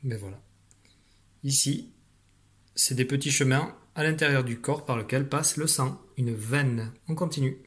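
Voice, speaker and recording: A man's voice: mid-range voice, unhurried, fairly bright tone. A man teaching a reading lesson to young children over video, explaining patiently and encouraging them, recorded at a computer at home. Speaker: primary school teacher. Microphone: computer at a desk.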